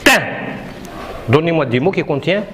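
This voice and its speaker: A woman's voice: sits low, animated, normal speed, fairly bright tone, a little hiss or hum. A woman teaching a classroom reading lesson, patiently drilling syllables and correcting young pupils. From Morocco. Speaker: primary school teacher.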